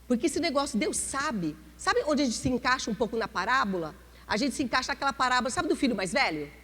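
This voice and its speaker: A woman pastor from Brazil preaches in a lively, sing-song voice set a little high. She confides in her listeners and then leaps up in pitch for drama, stretching out key words. Her voice rings out with the long reverb of a church hall. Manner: expressive, confiding, with sudden dramatic pitch jumps and drawn-out words. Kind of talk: sermon.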